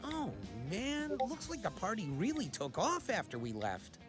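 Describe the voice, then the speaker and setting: A voice actor playing an awkward, fussy nerdy teenage boy in an animated sitcom. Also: medium pitch, a little slow, over music.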